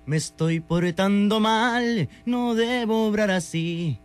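A man who is a comedian and impressionist on a radio comedy show, singing song lines in put-on voices with quick patter. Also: high voice, clear, resonant tone, soft background music. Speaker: guest impressionist.

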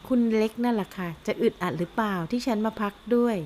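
A woman voicing a sweet, bright young woman who speaks politely in an audio novel. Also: mid-range voice, fast talker, slight background noise, lightly acted.

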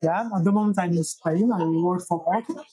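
A man in his thirties from Belgium, a guest founder talking in a casual interview, halting with many restarts, on a lapel mic in a small room. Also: sits high, mellow, rough recording. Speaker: guest, software engineer and founder. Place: small wood-paneled room, indoors.

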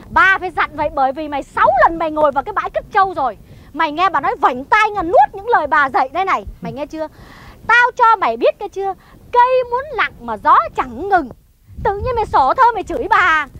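A fiery, sharp-tongued wife from a stage comedy sketch, with a Northern Vietnamese accent. Her voice sits very high and sounds bright, and she rattles off scolding tirades at speed. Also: exaggerated voice.

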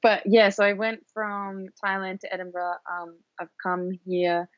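A woman's voice: medium pitch, steady tone, a little slow, no echo. A woman in her twenties with an Australian accent, a guest chatting casually in an interview with lots of "like" and "um". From New Zealand. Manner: rambling, lots of "like" and "um". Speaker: guest fighter. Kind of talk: casual interview over video call. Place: dim room indoors. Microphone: webcam on video call. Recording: dull dry video call audio.

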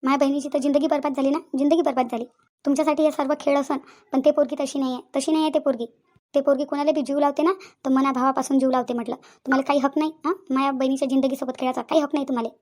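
A woman's voice: high voice, fairly even intonation, very fast, darkish tone, close to an everyday voice. A woman voicing an angry elder sister in a cartoon, scolding a man. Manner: scolding, accusing. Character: angry elder sister defending her sibling.

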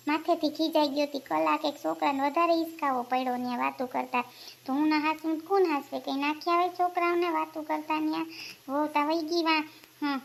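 A woman playing a sharp-tongued village woman in a comedy skit, speaking in scolding, rapid chatter. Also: high voice, creaky.

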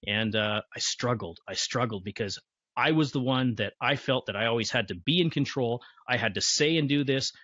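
A man's voice: medium pitch, normal speed, sharp tone, no echo. A man who is a guest in an interview, talking confidently about motivation and repeating his key phrases. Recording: dull, muffled lo-fi sound.

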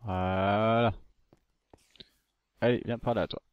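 Chatting and rambling through a let's-play, this gaming YouTuber coaxes the creatures on screen in a lowish, steady voice at a slow pace. His desktop mic gives a clean, dry sound, though the recording is somewhat muffled.

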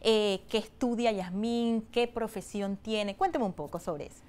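A woman's voice: mid-range voice, measured pace, darkish tone. A woman interviewer on a TV program, asking polite, formal questions.

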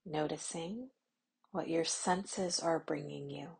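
Guiding a yoga nidra meditation, a woman speaks very slowly and without hurry. Her low, husky voice has a slight gravel to it, with long pauses and some phrases fading into a whisper. Her tone stays flat and even, barely rising or falling.

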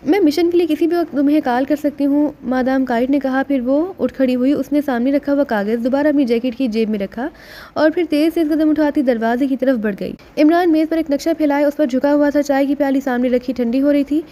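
A woman narrating an audiobook in an even, measured way. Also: high voice.

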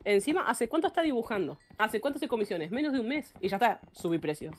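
On a casual live stream, a woman with an Argentine Spanish accent rants bluntly and often cuts herself off mid-sentence. Her voice runs on the high side, animated and fast, with a little hiss or hum in the audio.

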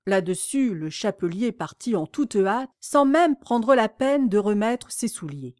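A woman narrating a children's classic as an audiobook, reading in a clear, measured way. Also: mid-range voice, big pitch swings, darkish tone, no room sound, studio quality. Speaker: audiobook reader. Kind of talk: storybook narration.

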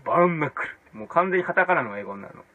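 A man's voice: fairly high pitch, racing. Jokey comedian guy riffing solo, voice leaps all over, kinda muffled lo-fi audio. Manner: animated, jumps into loud mock-English shouts. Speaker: comedian hosting his own video blog. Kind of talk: casual comic monologue. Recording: dull lo-fi sound.

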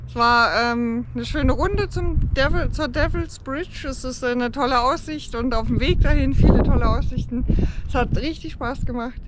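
A woman's voice: high-pitched, moderate pace, heavy background noise. Chatty woman vlogging a hike. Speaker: travel vlogger. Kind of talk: casual travel vlog narration. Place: outdoors by a car and on trails. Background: background music.

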